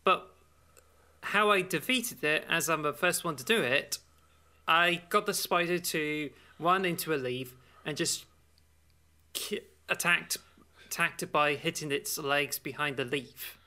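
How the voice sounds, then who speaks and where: Male podcast co-host, very bright tone, casual and halting. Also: on the high side. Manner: hesitant, searches for words. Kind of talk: casual chat.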